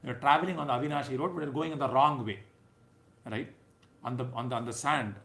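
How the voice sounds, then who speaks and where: A man with a South Indian accent and a creaky, gravelly edge to a mid-pitched voice. He teaches scripture informally, like a conversation, with emphatic phrases and frequent checks that listeners follow. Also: fast talker, a bit bright. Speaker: spiritual teacher leading a scripture class. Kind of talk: informal sermon with anecdotes and chanted verses.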